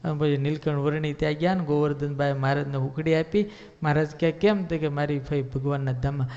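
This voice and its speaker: Animated man telling a sermon story. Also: fairly high pitch, brisk. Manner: animated, acts out characters' lines in shifting voices. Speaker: religious storyteller. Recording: dull lo-fi sound with long hall reverb.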